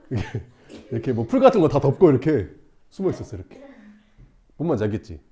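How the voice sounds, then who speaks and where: A male teacher telling a class a story, acting out shouts and screams and laughing as he goes. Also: mid-range voice, huge pitch swings, fast. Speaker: math teacher.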